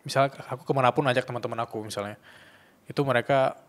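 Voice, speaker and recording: A man's voice: mid-range voice, fairly even intonation, fast. A young man in his twenties co-hosting a podcast, reflecting casually on his own experience. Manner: reflective, speaks from personal experience. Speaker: podcast co-host.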